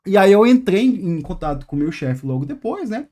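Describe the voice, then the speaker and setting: A Brazilian man hosting a casual advice chat, telling a work story in animated bursts, with many fillers and restarts. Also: high-pitched, moderate pace. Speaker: channel host.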